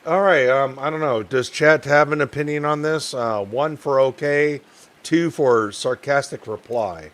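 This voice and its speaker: Tired young guy streaming a mystery game, mid-pitched voice, rambly and low-key, mumbles to chat. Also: measured pace, fairly bright tone. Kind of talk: casual game stream commentary, reading dialogue aloud.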